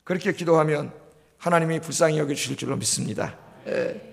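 A male pastor preaches an emphatic sermon in a church sanctuary, repeating key phrases and putting questions to the congregation. His voice is on the high side, gravelly, and fairly quick, with long church hall reverb.

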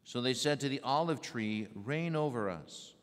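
A man leading a church service as priest, reciting prayers and readings in a measured, solemn way. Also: medium pitch, lively intonation. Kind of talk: liturgical recitation. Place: large church. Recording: echoey church hall.

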